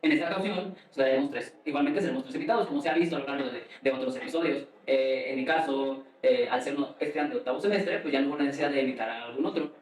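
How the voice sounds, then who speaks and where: Fast-talking young man, echoey room. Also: mid-range voice, far from the mic. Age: young adult. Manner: fast, rambling, many fillers. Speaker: host. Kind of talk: casual student podcast conversation.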